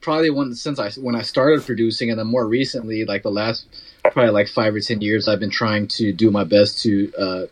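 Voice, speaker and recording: A man's voice: on the low side, steady tone, a little fast, rough recording. A man in his thirties hosting a podcast, talking in a laid-back, slangy way. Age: 30s. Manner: laid-back, slangy, says "dude" and "bro". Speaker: podcast host. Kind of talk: casual interview chat.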